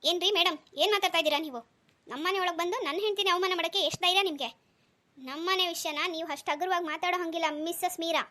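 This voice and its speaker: A woman's voice: very high voice, fast talker, bright, forceful tone. A woman voicing a protective husband and father in a cartoon, scolding and soothing by turns. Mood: angry. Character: protective husband and father, stern yet tender. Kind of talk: cartoon dialogue.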